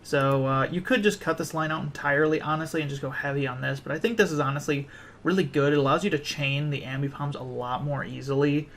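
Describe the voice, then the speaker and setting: A tired young man talks casually through a card game deck, his voice gravelly and full of fry. He rambles, restarts his sentences and fills the gaps with ums. A faint hiss of noise sits under the recording. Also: a little high, steady tone, fast, a bit bright.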